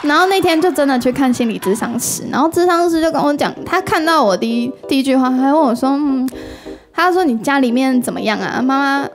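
Woman, Taiwanese Mandarin accent, high-pitched, animated, casual storytelling as a guest. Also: quick pace, over music. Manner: animated, acts out quoted dialogue. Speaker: talk show guest.

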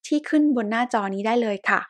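A woman from Thailand teaching French pronunciation, repeating each word slowly and patiently with polite, gentle phrasing. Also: fairly high pitch. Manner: slow, patient word-by-word repetition. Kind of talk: pronunciation lesson.

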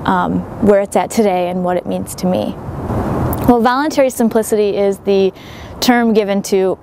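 A woman's voice: mid-range voice, moderate pace, background noise. A young woman in her twenties, a sailor and writer, giving reflective interview answers outdoors at a marina, with many fillers and restarts.

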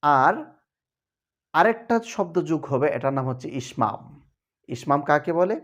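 A man teaching Quran recitation rules in a televised lesson, explaining step by step and chanting verses slowly as examples. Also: a little high, animated, a bit bright.

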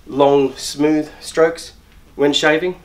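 A man's voice: fairly high pitch, flat delivery, very slow. A middle-aged man, a barber, explaining a trim and shave step by step as he works, often restarting and repeating words, in a barber shop. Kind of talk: step-by-step grooming demonstration.

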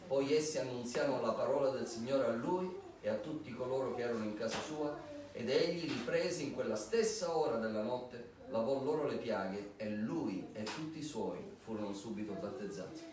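A man's voice: mid-range voice, moderate pace, crowd noise. A male pastor reading scripture aloud and then preaching from his own life, in a sermon. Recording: very echoey hall, voice from far off, faint noise.

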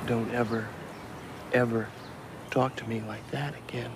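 An actor playing a sarcastic, deadpan man in a film scene. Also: lowish voice, normal speed, noisy background, natural voice. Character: man, sarcastic and dry-witted, sick with a cold.

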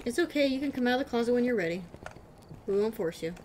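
A woman's voice: on the high side, lively intonation, fast, darkish tone, slight background noise. A woman chatting casually and teasingly while playing a video game. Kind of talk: casual gaming chat.

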